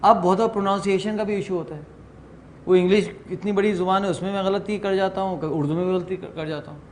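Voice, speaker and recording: A man's voice: high voice, fairly even intonation, slight background noise. A middle-aged man leading a training workshop, chatting informally, mixing in English phrases and telling self-deprecating stories to a room. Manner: acts out dialogue in stories. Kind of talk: informal workshop lecture with anecdotes.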